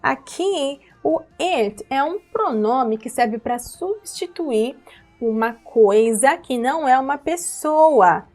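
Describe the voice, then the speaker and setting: High-pitched with lively intonation and a slightly mellow quality, this woman uses song lyrics to teach English pronunciation. Patient and repetitive, she slowly repeats words and checks in with those listening.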